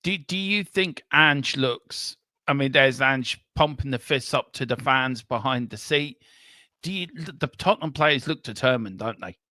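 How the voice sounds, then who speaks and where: Excited man hosting a watchalong. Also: mid-range voice, a little slow, dry recording. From Ireland. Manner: animated, eager, chatty with frequent ums. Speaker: watchalong host. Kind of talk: excited live football watchalong commentary. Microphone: earpiece headset on a live stream.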